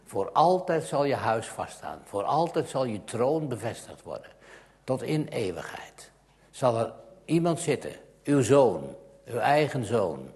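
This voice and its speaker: Man preaching, reads scripture out with big emphasis, sometimes goes quiet and hushed, mid-pitched voice. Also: sing-song, unhurried. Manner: emphatic, rising louder when reading scripture. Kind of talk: sermon with Bible reading.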